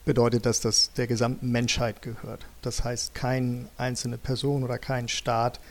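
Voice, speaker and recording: Male scientist interviewee. Mid-pitched, fry-laden voice, explaining off the cuff in halting phrases. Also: little pitch movement. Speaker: geochemist interviewed as an expert.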